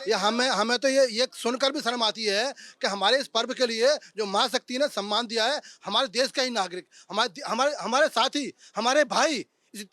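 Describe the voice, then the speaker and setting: A man speaks in a heated television panel debate, declaiming and repeating his points with rising force. His voice sits very high and sounds bright and forceful. The sound is close and dry. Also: no echo. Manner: impassioned, repetitive, declamatory.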